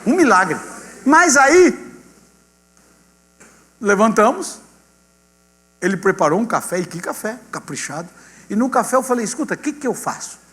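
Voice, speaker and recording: A male pastor with a Brazilian Portuguese accent, telling a testimony in a sermon and acting out the dialogue in an animated way. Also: sits high, normal speed, pauses often. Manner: animated storyteller acting out dialogue, addressing congregation as "gente". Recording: long hall reverb with mains hum.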